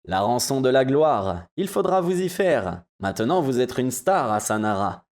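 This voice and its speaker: A man's voice: mid-range voice, big pitch swings, normal speed, a little mellow. A man voicing a gallant, courtly host with gracious, complimentary speech in an audiobook.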